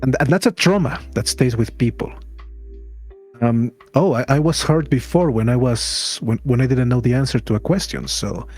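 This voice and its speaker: A man giving opinions in a casual discussion, deliberate and emphatic, repeating phrases to press his point. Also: medium pitch, a little mellow. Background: background music.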